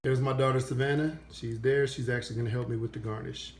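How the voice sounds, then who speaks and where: A man's voice: medium pitch, fairly even intonation, fast, slight background noise. Chatty man hosting a barbecue video. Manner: chatty, full of "uh" fillers and self-corrections. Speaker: host of a barbecue cooking channel. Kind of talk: casual cooking how-to.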